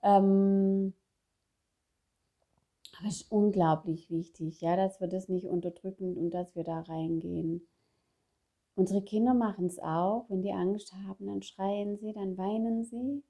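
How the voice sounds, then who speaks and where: A middle-aged woman talks at an unhurried, drawn-out pace, like a coach sharing something personal. She repeats gentle affirmations in a soft, measured way, her voice sitting at an ordinary middle pitch. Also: steady tone. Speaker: self-help coach. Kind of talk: personal motivational talk.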